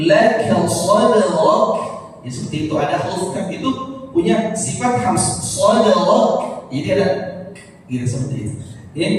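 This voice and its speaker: A man teaching Quran recitation rules in a mosque study circle, patiently chanting words slowly to demonstrate them. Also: high-pitched. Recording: echoey hall from far off, background noise.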